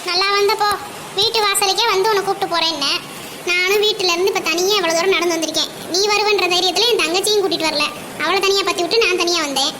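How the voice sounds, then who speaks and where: Voice actor as bossy cartoon college girl, squeaky, noisy track. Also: fast talker. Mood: scolding. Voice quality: very high, thin cartoon voice. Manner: scolding, bossy. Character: sharp-tongued young college girl. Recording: audible background noise.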